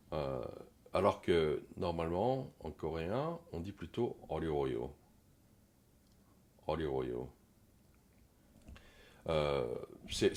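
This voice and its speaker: In a relaxed pronunciation lesson, a low-voiced man coaches a learner, offering gentle critique and pausing often with hesitant fillers.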